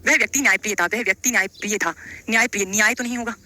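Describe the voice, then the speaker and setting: A Hindi grammar teacher who coaches students for exams runs a live online lesson, working through quiz questions instructively, repeating phrases and quizzing her students. Her mid-range voice is steady, very fast, pushed and bright.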